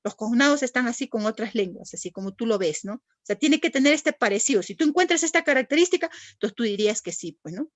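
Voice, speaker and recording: A woman's voice: fairly high pitch, expressive, fast, few pauses, no room sound. A woman teacher, giving a classroom lecture and patiently asking the class questions and answering them herself.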